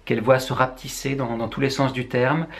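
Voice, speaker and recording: A man's voice: mid-range voice, level tone, brisk. A French man, a writer, musing through a book review with wry asides. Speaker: writer presenting books.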